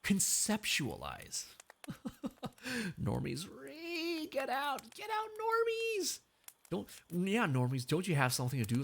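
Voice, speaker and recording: Between songs, a VTuber streamer with a gravelly edge to his voice chats in a relaxed, joking way. He teases his chat and reads comments aloud, his pitch swinging widely.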